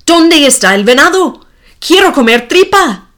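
A woman voicing an insolent, impatient boy who shouts his demands in a shrill voice. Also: sing-song, takes it slowly, exaggerated voice. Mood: demanding.

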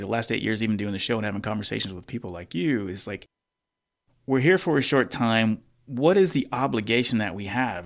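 A man in his fifties hosting an interview podcast, reflecting at length with enthusiasm. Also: mid-range voice. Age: 50s. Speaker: podcast host.

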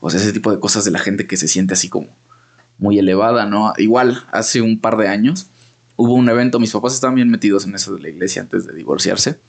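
Gravelly Mexican man telling a rambling story. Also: fairly low pitch, quick pace. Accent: Mexican Spanish. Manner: rambling storyteller, full of slang and fillers. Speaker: podcast co-host. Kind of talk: casual conversation.

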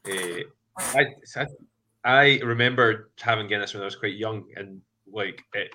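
A man's voice: fairly low pitch, a little slow, sharp tone, slight background noise, low-quality recording. A Scottish man hosting a casual podcast chat, rambling a little and often hesitant. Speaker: podcast host.

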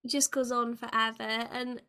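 High, bright-voiced Welsh woman chatting. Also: level tone, a little slow. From Wales. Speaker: video host. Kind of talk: casual chat.

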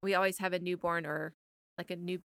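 Bright-voiced chatty woman. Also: on the low side, little pitch movement, fairly quick, vocal fry, dry recording. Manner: chatty, fills with "like". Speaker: podcast co-host. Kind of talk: casual chat.

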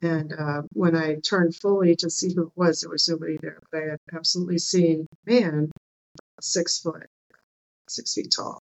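A woman's voice: deep voice, steady tone, normal speed, a little mellow, lo-fi sound. A woman interview guest casually telling personal stories in a hesitant, loose way.

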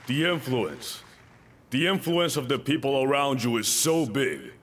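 A man's voice: mid-range voice, very animated, unhurried, fairly bright tone, a faint crowd, slight background noise. A male pastor preaching a sermon, emphatic and repeating his key lines, with joking asides to the congregation.

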